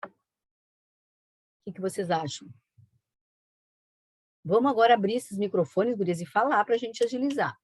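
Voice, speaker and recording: A woman teaching an online exam-prep lesson, brisk and coaxing, with frequent tag questions. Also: mid-range voice, lively intonation, slightly rough, no echo. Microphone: video call.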